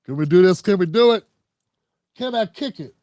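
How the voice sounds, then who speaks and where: A man's voice: sits high, expressive, normal speed, a little mellow, no room sound, clean studio sound. A man hosting his own commentary show, talking loosely and profanely, rambling and calling his viewers "fam". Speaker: host. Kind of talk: casual political commentary monologue.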